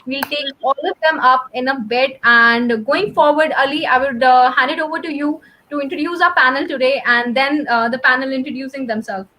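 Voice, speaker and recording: High bright hesitant woman host. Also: steady tone, brisk, a little hiss or hum, poor audio. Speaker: host reading audience questions. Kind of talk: unscripted webinar hosting.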